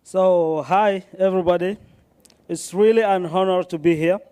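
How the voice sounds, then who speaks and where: A man's voice: sits high, fairly even intonation, moderate pace, dark tone, clean tone. A young man with a Sudanese accent, introducing himself to an audience as a student panelist. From Darfur, Sudan. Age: young adult. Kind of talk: self-introduction to an audience at a conference.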